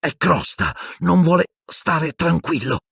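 A man reading an audiobook voices an excitable teenage boy who exclaims in agitation. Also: a little high, slow, creaky, husky, no echo, clean studio sound, pitched above the performer's own voice, exaggerated voice. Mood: agitated. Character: excitable teenage boy, worried for his pet rat.

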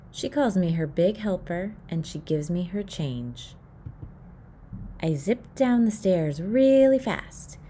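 A woman reading a children's picture book aloud at storytime, expressive and playing out the sound effects. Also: deep voice, a little hiss or hum. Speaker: storytime reader.

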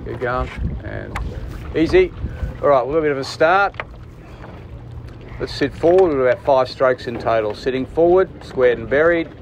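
A man's voice: mid-range voice, animated, moderate pace, creaky, pauses often. A man coxing a rowing crew, calling out terse, clipped commands. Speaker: rowing coxswain. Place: outdoors in a rowing boat on water. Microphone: coxswain's worn microphone. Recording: noisy on-water boat recording. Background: loud water and boat noise.

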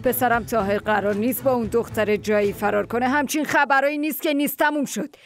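Older mother-in-law, gravelly and domineering, voiced by a woman in a drama dub. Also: on the high side, faint music behind, natural voice. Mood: stern. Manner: scolding, commanding. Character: bossy older village mother-in-law, sharp-tongued matriarch.

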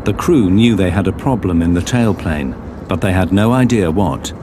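A man reading scripted documentary narration in a measured, dramatic storytelling way. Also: deep voice, lively intonation, noisy background. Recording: dramatic music bed under voice. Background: music.

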